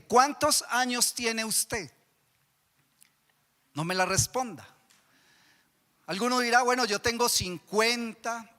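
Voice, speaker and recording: In the reverberant church hall, the pastor speaks in a voice that sits high with a sharp tone. He has a Colombian accent and keeps asking questions of the congregation as he preaches.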